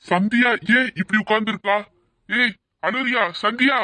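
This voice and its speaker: A man's voice: very high voice, steady tone, moderate pace, bright, forceful tone, no room sound. A man voicing a kind uncle who comforts and reassures. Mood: gentle, comforting. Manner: soothing, reassuring.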